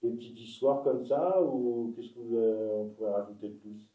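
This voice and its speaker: A man's voice: medium pitch, normal speed, warm tone, distant mic. A man interviewing, repeating and rephrasing his questions patiently. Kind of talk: oral history interview. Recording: roomy, off-mic, dull sound.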